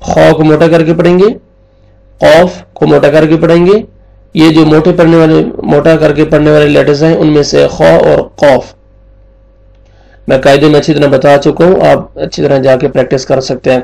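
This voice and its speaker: A man with a Pakistani Urdu accent gives a patient recitation lesson. His voice sits fairly high and has a gravelly edge. He stretches each verse out in slow chant, then explains the rules in quicker everyday talk. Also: little pitch movement, a little mellow, low-quality recording. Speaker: Quran tajweed teacher.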